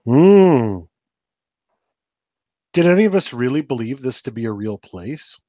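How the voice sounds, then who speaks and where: Male game player, middle pitch, casual table chat, dry close sound. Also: very animated, a little slow, dark tone, dry recording.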